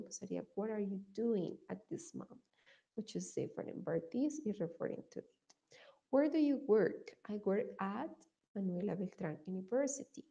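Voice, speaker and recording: Woman teaching English, gravelly and dark. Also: mid-range voice. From Colombia. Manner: switches between English and Spanish, slow modelled example answers. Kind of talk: bilingual online language lesson.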